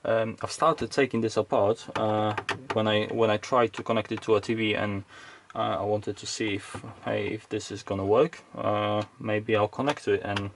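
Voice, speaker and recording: An electronics hobbyist likely in middle age narrates a casual teardown without a script, thinking aloud hesitantly and rambling at his workbench at home for a video. He talks at a normal speed with few pauses in a fairly low, creaky, steady voice. Faint background noise with clicks is present.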